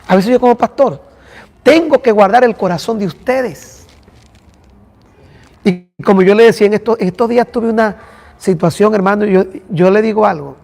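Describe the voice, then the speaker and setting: A man's voice: high-pitched, moderate pace, creaky, long pauses, a little mellow, big-room sound. A man, a pastor teaching a church class and talking directly to listeners by name. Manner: addresses listeners by name, conversational.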